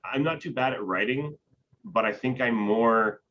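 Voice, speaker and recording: A man's voice: medium pitch, measured pace, highs cut off, slight background noise. A man chatting casually in a business video call, rambling with frequent restarts and laughs. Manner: rambling, talks with his hands, laughs often. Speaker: business owner.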